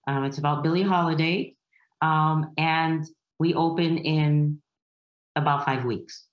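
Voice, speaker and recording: Low-voiced actress in a dull, echoey room. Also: female voice, fairly even intonation. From Berlin, Germany. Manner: hesitant, full of "uh"s and quick asides. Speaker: stage actress. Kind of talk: casual interview chat.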